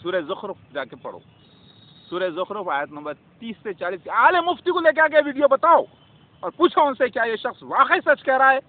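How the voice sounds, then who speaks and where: High-voiced man preaching over a tinny line. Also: big pitch swings, dry recording. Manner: fervent, scolding, full of rhetorical questions. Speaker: self-styled religious preacher. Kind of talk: scolding religious monologue to viewers. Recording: tinny phone-like audio with faint noise.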